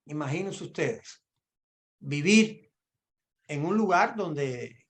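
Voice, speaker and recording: A man's voice, quite high for a man, hosting a live talk show. He lays out facts in a measured, informative way and asks his guest for comment. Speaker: host. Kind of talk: casual talk-show conversation.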